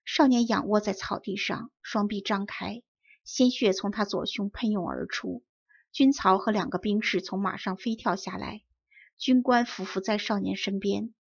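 Woman storyteller, gravelly and measured, children's audiobook. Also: medium pitch, muffled recording. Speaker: storyteller, teacher.

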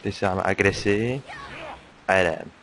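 A young man giving casual, chatty commentary while playing a game, often muttering to himself. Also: low voice. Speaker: gameplay commentator. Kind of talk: casual let's-play commentary. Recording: faint hiss.

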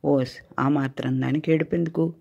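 A woman's voice: low voice, steady tone, moderate pace, vocal fry, mellow, breathy edge, exaggerated voice. A woman voicing a kind mother cat who speaks in a soothing, reassuring way. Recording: dull lo-fi recording.

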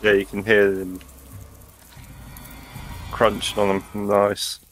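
A man's voice: fairly low pitch, completely flat delivery, slow pace, a bit bright, soft background music. A man chatting casually as co-host of a gameplay video. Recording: faint background game noise. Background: video game ambience.

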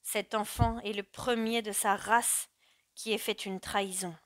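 A woman voicing a stern, grim father who speaks with slow, menacing calm. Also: mid-range voice, natural voice. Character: stern older Corsian father, grim and cold.

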